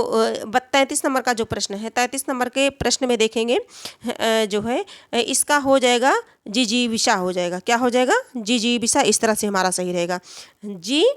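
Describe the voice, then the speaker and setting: High-voiced woman teaching exam answers. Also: dry recording, studio quality. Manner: repeats answers, asks and answers own questions. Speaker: Hindi teacher. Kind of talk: exam prep lesson.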